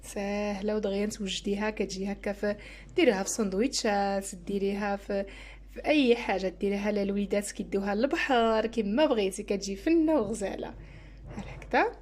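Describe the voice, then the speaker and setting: A woman with a Moroccan Arabic accent hosts a home cooking channel, narrating a recipe tutorial and chatting through each step as she works in her kitchen. Her mid-range voice is steady and a little mellow, she talks fast, and there is a little hiss or hum.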